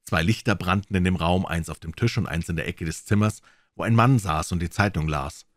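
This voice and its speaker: Deep-voiced man narrating a crime story. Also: a little fast, no echo. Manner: dramatic, expressive reading. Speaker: audiobook reader.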